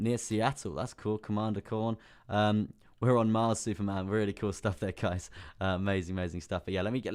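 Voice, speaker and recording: Man, english accent, hoarse, fast-paced, low voice, chatty live-stream host. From England. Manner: chatty, reads out viewer names and laughs often. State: hoarse, voice partly lost. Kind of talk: casual live-stream chart talk.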